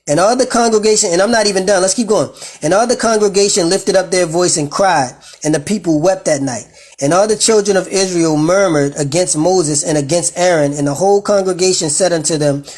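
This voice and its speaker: A man reading scripture and retelling it in profane, animated slang. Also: a little high, slightly rough. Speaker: bible study teacher. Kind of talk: casual bible reading with commentary.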